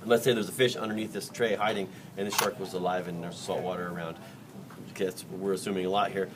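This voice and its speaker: A deep-voiced man with a flat delivery and quick pace teaches biology during a dissection. He's jokey and chatty and keeps quizzing the students, and the mic sits far away in a noisy classroom.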